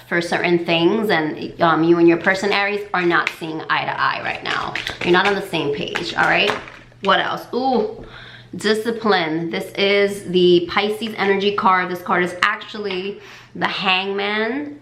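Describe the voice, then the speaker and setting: Chatty woman tarot reader, bright tone. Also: steady tone, a little slow, echoey room, a little hiss or hum. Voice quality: lower fall voice. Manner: chatty, many fillers like "like" and "um". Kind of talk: casual tarot reading.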